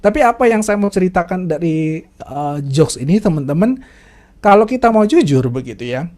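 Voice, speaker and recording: Brief: man, chatty devotional speaker, slightly high voice, loose and laughing. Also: animated, normal speed, darkish tone. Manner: chatty, frequent laughs, repeats "teman-teman". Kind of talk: casual devotional talk.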